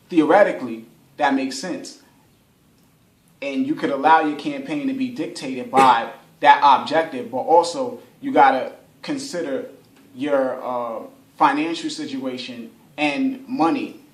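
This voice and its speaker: A medium-pitched man, an advertising specialist, leads an informal workshop in an indoor room at a radio station, talking conversationally, repeating phrases for emphasis and acting out hypothetical examples. The recording is roomy and echoey.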